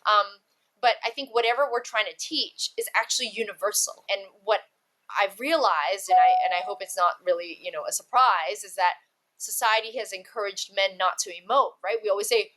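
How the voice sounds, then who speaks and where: A woman from Malaysia, a guest in a casual interview over a video call, talking in an animated way and acting out quoted voices. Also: mid-range voice, a little fast. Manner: animated, acts out quoted voices, lots of fillers. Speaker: guest, actress and entrepreneur.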